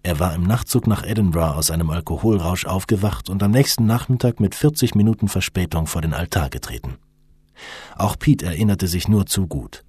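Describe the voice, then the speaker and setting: Deep husky male narrator. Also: no room sound. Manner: expressive storytelling. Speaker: audiobook narrator. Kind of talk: scripted narration.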